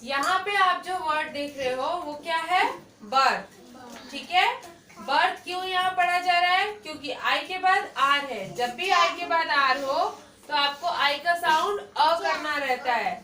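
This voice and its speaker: A woman with a very high, bright voice teaches a class patiently, asking questions and checking that everyone follows. She is recorded from a distance in an echoey classroom with faint background noise. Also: measured pace. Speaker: English teacher. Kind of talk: classroom lesson.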